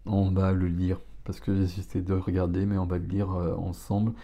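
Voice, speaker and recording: A middle-aged man doing a casual tarot reading, relaxed and chatty, exclaiming over the cards. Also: low-pitched, moderate pace. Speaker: tarot reader.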